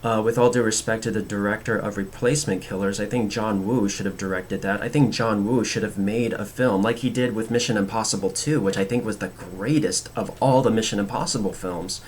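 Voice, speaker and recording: A man hosting a film commentary show, talking casually and earnestly with strong opinions in a halting, rambling way. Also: on the low side, fairly even intonation, slight background noise.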